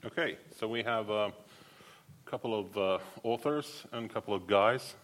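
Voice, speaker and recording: A man's voice: on the low side, normal speed, fairly bright tone, slight background noise. A man moderating a panel discussion in a wry, self-mocking, joking way. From Finland.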